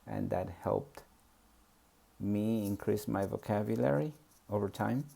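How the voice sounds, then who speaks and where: Reminiscing about his past, a Peruvian memoir storyteller with a Spanish accent pauses and hesitates, using many fillers as he reflects. His lowish voice is warm and slightly rough with vocal fry, and he talks a little slowly.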